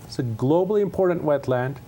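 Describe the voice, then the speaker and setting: Middle-aged turkish guy in a tv studio interview, earnest, lots of ums and restarts, voice a bit on the high side. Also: expressive, fairly quick, dark tone. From Turkey. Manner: earnest, many fillers and restarts. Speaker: guest, conservation scientist. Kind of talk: casual interview talk.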